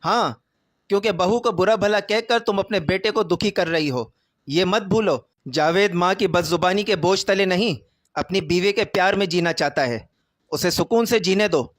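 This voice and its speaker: A man voicing a calm but stern older father of the household. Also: high voice, no room sound, lightly acted.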